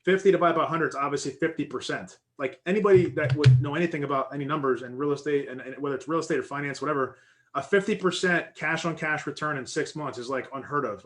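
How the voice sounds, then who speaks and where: Fast-talking man explaining numbers. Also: medium pitch. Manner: quick, conversational, thinking aloud with restarts. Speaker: real estate investor presenting to a group. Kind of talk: informal teaching talk with worked numbers.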